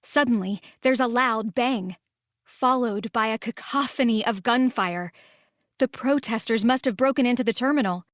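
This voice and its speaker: A woman narrating a first-person story in a calm, measured way and voicing the lead. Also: a little high, no room sound, studio quality.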